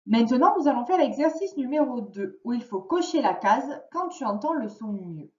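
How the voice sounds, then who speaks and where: Primary teacher, woman, fairly high voice, patient and careful, taped in an echoey room. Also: expressive. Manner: slow, patient, clearly articulated instructions. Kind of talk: remote reading lesson for a young child. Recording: roomy, distant, dull lo-fi sound.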